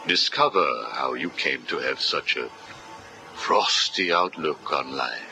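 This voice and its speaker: An actor playing a calm, coolly menacing prison psychiatrist, heard as a video game interview tape recording. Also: male voice, a bass voice, slow pace, music in the background, full character voice, rough recording. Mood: cold. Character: cold, probing male prison psychiatrist. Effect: played from a hissy interview tape recording.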